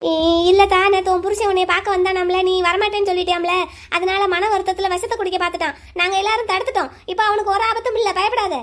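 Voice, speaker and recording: Cartoon granny, old and bossy, scolds and meddles, very high shrill voice, a woman voices her. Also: steady tone, fast, fairly bright tone. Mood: scolding. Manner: bossy, scolding, rural Tamil speech. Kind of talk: cartoon voice acting.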